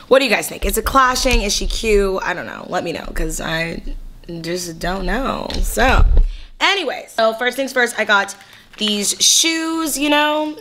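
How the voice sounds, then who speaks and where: A young woman from California talks through a casual haul vlog in a bubbly, chatty, slang-filled way. Her voice sits at an ordinary middle pitch for a woman, and she rattles along in quick bursts, then slows to linger on a word. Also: fairly bright tone. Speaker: fashion vlogger.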